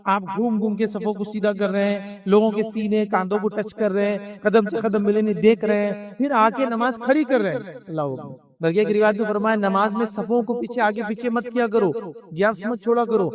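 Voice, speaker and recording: A man preaching in a high, light voice, talking things through with rhetorical questions and stories from his own life. A crowd can be heard behind him. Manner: explains with rhetorical questions and anecdotes. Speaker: Islamic preacher. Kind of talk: conversational sermon.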